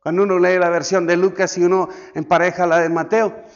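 High-voiced preacher with dramatic swings. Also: male voice, flat delivery, a little fast, lo-fi sound. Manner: dramatic, swings from loud to hushed, acts out quoted voices. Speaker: pastor. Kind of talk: sermon.

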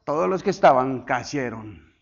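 A male pastor preaching a sermon, swinging from loud declarations to hushed asides and having the congregation repeat after him. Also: medium pitch, lively intonation, measured pace, gravelly, lo-fi sound.

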